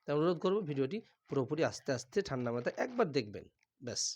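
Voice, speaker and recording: A man teaching Quran reading, patiently spelling out each syllable and repeating words slowly, often clearing his throat. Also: medium pitch, big pitch swings, darkish tone. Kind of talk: recitation class, spelling out letters.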